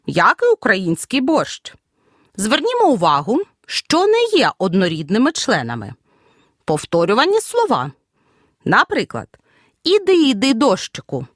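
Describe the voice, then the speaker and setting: A woman teaching a scripted audio grammar lesson, speaking clearly and measuredly and stressing each example. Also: mid-range voice, a bit bright, no room sound, studio quality. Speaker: Ukrainian language teacher.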